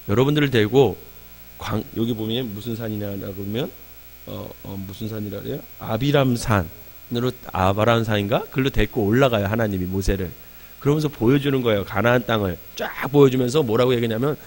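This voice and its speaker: A man preaching a sermon, telling the story in an animated way and building up to emphatic, raised passages. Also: fairly low pitch.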